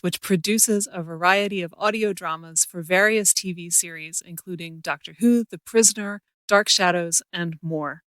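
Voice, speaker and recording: Here a podcast host and creativity coach reads a scripted introduction and interview for her creativity show, sounding like a presenter. The recording has no room sound, and her lowish voice carries a slightly bright quality.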